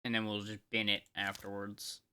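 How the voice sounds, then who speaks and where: A man streaming live gameplay, talking through his choices with playful, excitable, mock-boastful trash talk. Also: on the low side, normal speed, smooth.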